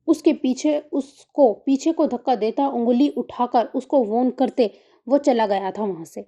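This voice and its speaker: Woman reading a novel aloud, steady storyteller, a bit high voice, muffled recording. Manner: steady storytelling, reads scene breaks aloud. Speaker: narrator. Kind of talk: audiobook novel narration.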